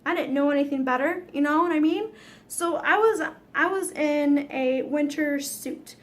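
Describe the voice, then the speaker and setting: A woman's voice: sits high, normal speed. A woman vlogger telling a personal story to camera in a chatty, dramatic way, swearing freely.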